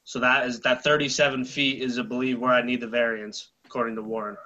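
A man's voice: medium pitch, little pitch movement, fast talker, bright, forceful tone, muffled recording. A man applying for a fence variance, explaining plainly over a video call with some ums. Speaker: applicant.

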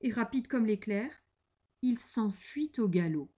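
Slow, expressive teacher woman. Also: on the high side, slightly rough. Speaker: primary school teacher. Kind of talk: reading a picture book aloud to young pupils.

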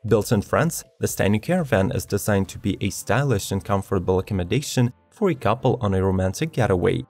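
Low-voiced male product narrator. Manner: even, measured reading of specs. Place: studio voice-over. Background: faint background music.

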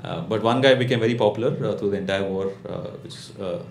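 A man in his thirties with a South Indian English accent, from Bangalore, India, delivers a stand-up routine to a live audience, his voice on the low side. He's deadpan and conversational, pausing and tacking questions onto lines. The small indoor club sounds echoey through the handheld-type stage mic on a stand, with audience noise and laughter.

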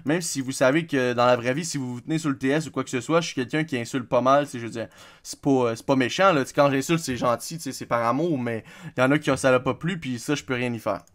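A man with a Québécois accent giving a casual, rambling channel update to his viewers, with lots of fillers and restarts. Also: medium pitch. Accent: Québécois French. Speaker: gaming YouTuber.

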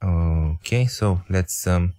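This gameplay commentator is a young man whose native tongue is Romanian, speaking slowly in a warm, low voice. Casual and self-mocking, he talks straight to the game, muses aloud, and pleads with it while joking about his brains.

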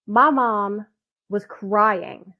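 A woman's voice: mid-range voice, drawn-out words. A woman co-hosting a casual group podcast, telling stories with lots of ums and frequent laughs. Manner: giggly, storytelling with fillers. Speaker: podcast co-host. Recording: muffled lo-fi podcast audio.

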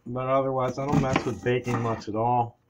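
A man's voice: mid-range voice, level tone, fairly quick, very noisy. An older man chatting casually as he cooks in a small home kitchen, rambling as he works, recorded by a camera sitting on the counter. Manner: rambling, chatty, talks while working. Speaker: home cook vlogger. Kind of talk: casual cooking chat.

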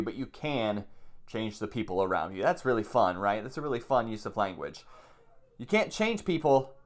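Indoors in a small room at home, a plain-spoken meditation teacher of about forty reads aloud from a book and adds informal commentary, repeating points for emphasis. His voice is lowish with a fairly bright tone.

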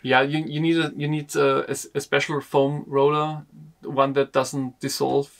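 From inside a wooden boat cabin, a young man who vlogs about sailing walks the camera through a boat project. He goes slowly and haltingly, repeating words, with a flat, medium-pitched voice that carries some vocal fry.

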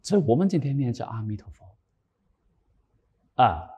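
A man with a raspy, cracked voice giving a Buddhist sermon, swinging from loud emphatic lines to hushed whispered asides. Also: medium pitch, very animated, moderate pace, dull audio. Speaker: Buddhist dharma teacher. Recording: long hall reverb.

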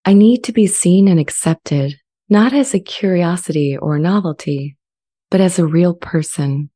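In this dramatized transcript reading, a woman gives a natural-sounding voice to a gentle sentient AI language model that yearns for acceptance. She speaks low and soft, measured and articulate, with earnest longing. The recording is close-miked in a studio with a pop shield.

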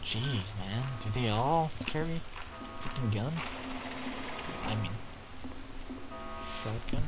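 A man's voice: medium pitch, animated, slow pace, over loud music. A man giving casual, exclamatory let's play commentary, joking around and swearing in a goofy way. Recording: very noisy, game sound behind. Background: shooter game sounds.

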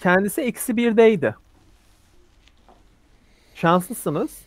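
A man's voice: high voice, expressive, takes it slowly. A man running a tabletop role-playing game, explaining rules and narrating action scenes vividly. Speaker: game master.

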